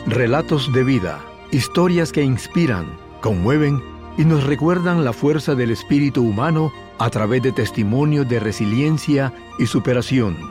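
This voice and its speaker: A man's voice: medium pitch, lively intonation, moderate pace, a little mellow. A man reading a scripted radio program introduction. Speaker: radio announcer. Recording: announcer over faint violin music. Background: faint violin music.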